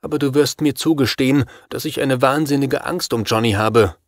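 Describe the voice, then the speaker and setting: A man's voice: medium pitch, moderate pace, dry recording, studio quality, close to an everyday voice. A man reading an audiobook, voicing a desperate, anxious father who fears for his son. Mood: worried. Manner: anxious, agitated. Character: worried middle-aged father, desperate, pleading.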